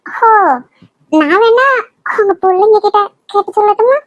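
A woman's voice: extremely high pitch, moderate pace, no room sound, muffled recording. A woman voicing a shy, coy young wife who is expecting a baby, in a cartoon. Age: young adult. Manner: coy, bashful. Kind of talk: cartoon voice acting.

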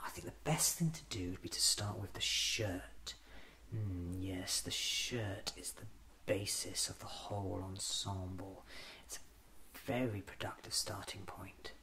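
In a lowish, slightly bright voice, a man in his thirties performs an ASMR roleplay monologue, often whispering and musing to himself in short, halting phrases. Ambient noise is audible in the recording.

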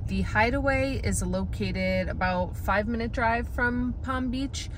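A woman's voice: a little high, measured pace, background noise. A woman in her thirties from the United States, chatting upbeat to a phone camera from inside a car, loose and full of fillers. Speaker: travel vlogger. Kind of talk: casual vlog talk to camera. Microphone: phone held at arm's length.

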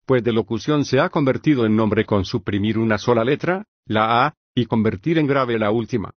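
A man, read in a flat, even way, voicing a probing, ironic male ancient philosopher in an audiobook. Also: medium pitch, normal speed, dry recording, lo-fi sound, close to an everyday voice. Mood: explaining.

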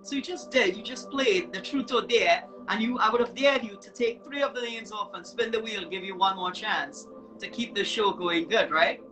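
At a normal pace and mid-range pitch, a woman hosting an easygoing live show online offers warm, effusive encouragement, repeating herself frequently. Music sits in the background of a rough recording.

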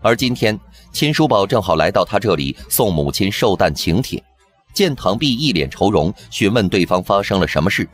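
A man's voice: lowish voice, very animated. Man narrating a TV drama recap. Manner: brisk storytelling. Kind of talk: scripted narration. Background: background music.

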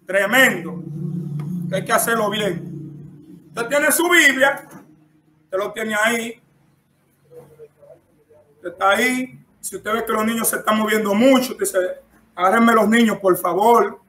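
A Dominican-accented man preaches and instructs in an emphatic style, sprinkling his talk with amens. His voice sits high and bright, with a forceful edge. The sound carries the echo of a roomy church. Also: takes it slowly, pauses often, a little hiss or hum. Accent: Dominican Spanish. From Dominican Republic. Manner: emphatic, punctuates phrases with frequent amens. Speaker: preacher teaching church etiquette. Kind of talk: instructive preaching to a live-streamed audience. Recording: echoey room.

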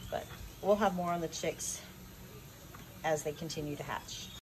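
A woman who runs a small farm vlog chats casually about her chicks, narrating off camera from behind her phone at home. She's plainspoken, with many ums and restarts, and her low voice is a little mellow at normal speed.

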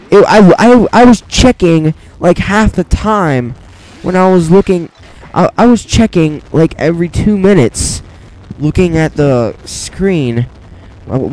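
This let's play commentator is a teen boy whose voice sits a little high with a dark tone. He rambles through laid-back gameplay talk, mocking himself, filling gaps and starting over often, all captured roughly on a weak mic held close.

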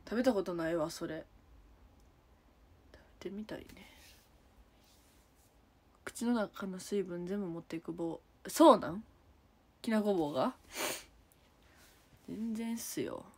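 A woman's voice: lowish voice, animated, a little slow, pauses often, slightly rough. A young woman with a Kansai accent chatting casually on a livestream from her room, answering viewers one by one and giggling often. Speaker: idol livestreamer. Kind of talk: casual livestream chat reading comments. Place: room at home.

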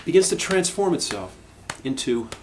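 A middle-aged man teaching a harmonica lesson, explaining in a calm, reflective way with frequent restarts. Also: on the high side, moderate pace, over loud music. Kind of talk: instructional video lesson.

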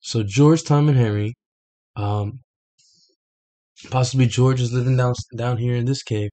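Seated at his desk webcam in a small, red-lit bedroom, a self-made explainer in his twenties describes a picture via screen share. He speaks unhurriedly in a mellow, medium-pitched voice with fairly even intonation, stumbling through fillers and restarts.

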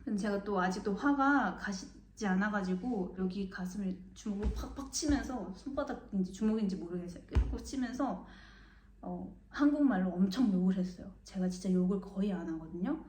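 A woman's voice: mid-range voice, lively intonation, a little fast, darkish tone. A young woman from Mokpo, South Korea, telling a story in a casual vlog and acting out the people she quotes. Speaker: vlogger. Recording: echoey room.

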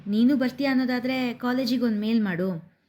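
A woman's voice: fairly high pitch, brisk, warm tone, pitched above the performer's own voice, close to an everyday voice. A woman voicing a cheerful, practical young woman sharing news with her friend in a story reading. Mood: friendly. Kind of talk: storybook narration.

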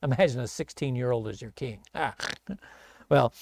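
A man's voice: mid-range voice, normal speed, vocal fry, darkish tone, no echo, studio quality. A man from the United States teaching a casual Bible study sermon in a church, telling the story folksily and acting out the voices in it.

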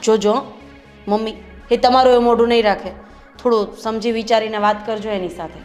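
A woman's voice: on the high side, fairly even intonation, fairly quick, a little mellow, faint music behind, close to an everyday voice. An actress playing a concerned daughter-in-law, talking earnestly with her elders. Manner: earnest, complaining. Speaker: daughter-in-law in family drama. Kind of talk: Gujarati family drama acting.

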